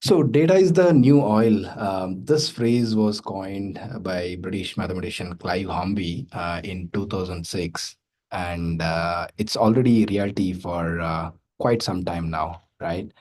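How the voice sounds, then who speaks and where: Speaking slowly and a little mellow, a man with a deep voice delivers a conference talk as a guest speaker. The video call carries his loose style, heavy with filler sounds and tag questions.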